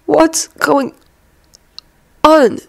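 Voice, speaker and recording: A woman voicing an injured, exhausted male professor in a story, speaking slowly and painfully with sighs. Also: high-pitched, mellow, dry recording, pitched above the performer's own voice, heavily acted. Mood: weak, pained. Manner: slow, pained, sighing.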